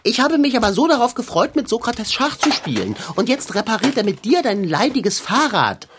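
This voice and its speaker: A woman's voice: a little high, very animated, moderate pace, background noise. A woman voicing a vain, fussy male house cat in a cartoon who talks in stilted, old-fashioned formal phrases. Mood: sulky. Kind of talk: cartoon voice acting.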